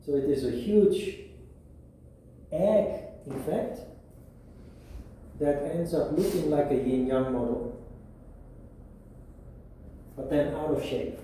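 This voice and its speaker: A man teaching a yoga philosophy lesson, explaining at a whiteboard in a measured way with pauses. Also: on the high side, mellow, a little hiss or hum. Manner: slow, measured, with pauses and restarts. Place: room with a whiteboard. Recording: echoey room, mic at a distance.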